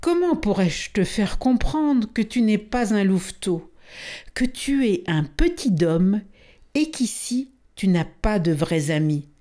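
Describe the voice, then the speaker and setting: A woman's voice: mid-range voice, mellow, lightly acted. A woman voicing a stern, protective male panther in a storybook, scolding and exasperated.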